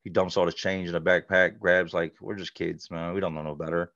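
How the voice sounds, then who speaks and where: A middle-aged man with a very low, gravelly voice tells his own story candidly, in loose everyday speech. He talks plainly and bluntly, pausing on fillers. The recording is dry and dull, slightly lo-fi. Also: flat delivery, fairly bright tone, dry recording. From North Carolina, USA. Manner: blunt, conversational, frequent "like" and "you know". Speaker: podcast guest.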